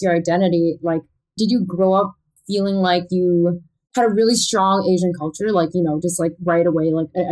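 A woman's voice: lowish voice, a little mellow, rough recording. A woman co-hosting an interview show, asking casual questions full of fillers. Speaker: podcast co-host.

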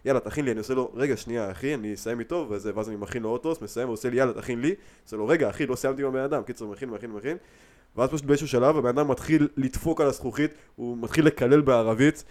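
A young man chatting casually on a podcast. He tells lively stories from work and acts out the customers' lines himself. His voice sits at an ordinary middle pitch. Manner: animated storyteller acting out customers' lines. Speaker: podcast co-host. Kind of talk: casual chat.

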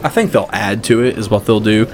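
A man's voice: fairly low pitch, brisk, background noise. A man casually reviewing a movie with a friend, swearing freely and acting out scenes. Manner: profane, animated, acts out scenes.

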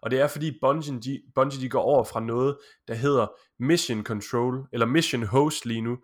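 Male co-host, measured explainer, mid-range voice, casual delivery. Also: medium pitch. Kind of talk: casual gaming chat.

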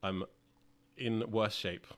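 A man co-hosting a podcast, reflective and a bit halting, with restarts as he thinks aloud. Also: fairly low pitch, fairly even intonation. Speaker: podcast co-host. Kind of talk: casual podcast chat.

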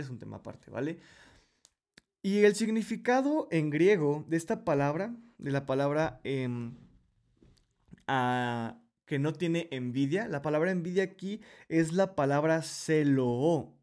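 A man gives a casual Bible study, talking straight to the listener. He explains each point step by step in a conversational way. His voice sits a little high for a man. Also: normal speed, darkish tone. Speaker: Bible teacher, podcast host.

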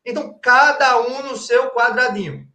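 A man's voice: very high voice, normal speed, pushed and bright. Didactic man in a roomy space. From Brazil, Pernambuco. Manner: didactic, colloquial, rhetorical questions, frequent "tá?" check-ins. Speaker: guest, forensic crime-scene expert. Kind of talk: explanatory conversational talk. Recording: roomy echo.

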